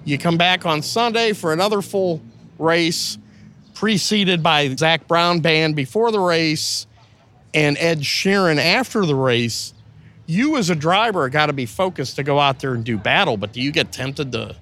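A male motorsport show host with a slightly raised pitch. He builds long, detailed questions, piling up facts before he asks. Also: unhurried, fairly bright tone. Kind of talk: interview questions.

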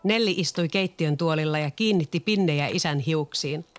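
Calm children's story narrator. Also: mid-range voice, faint music behind.

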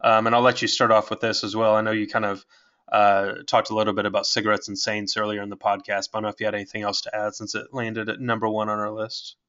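Guy rambling on a music podcast, bright forceful voice, kinda low, dull lo-fi sound. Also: monotone, quick pace, clean tone. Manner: rambling, frequent "like" and "um" fillers. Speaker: podcast co-host. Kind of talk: casual music chat.

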